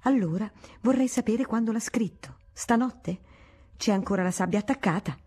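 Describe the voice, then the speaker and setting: A woman reading the part of a sharp-tongued noblewoman who contests a will, in an ironic, insistent tone. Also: on the low side, sing-song, a little fast, breathy edge, full character voice. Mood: sarcastic. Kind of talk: audiobook reading.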